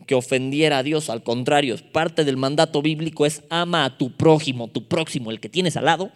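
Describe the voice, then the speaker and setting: A man leads a youth Bible study sermon. His voice sits a little high, and he keeps things conversational, tossing in jokey asides to his listeners. The recording carries a long, echoing hall reverb. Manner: conversational, with joking asides to the audience. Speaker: youth preacher.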